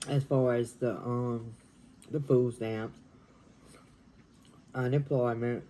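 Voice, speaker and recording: A woman, chatting casually while eating on camera in her dining room, talking softly and half-whispering. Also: rumbling low, a little hiss or hum, low-quality recording. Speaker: mukbang vlogger.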